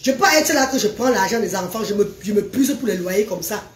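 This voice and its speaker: A woman chatting on a casual live stream, animated, calling her viewers "maman". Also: medium pitch, fairly quick. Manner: animated, calls viewers "maman", sings out names. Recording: echoey room with faint background noise.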